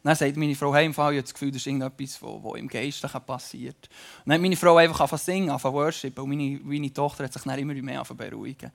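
A man's voice: mid-range voice, rapid-fire, creaky. A young man preaching a conversational sermon from a church stage, telling stories animatedly with many fillers. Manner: animated storytelling with frequent fillers.

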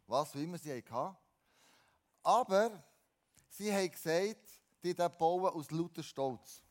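A man preaches in a voice that sits a little high for a man. He moves between loud, emphatic lines and low, quiet ones. He often repeats words and restarts his phrases. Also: expressive, a little slow. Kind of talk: sermon.

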